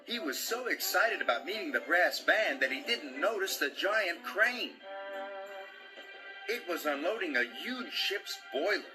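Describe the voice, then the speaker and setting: A man narrating a children's storybook in a slow, lively storyteller's reading. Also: fairly high pitch, poor audio. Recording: music playing behind.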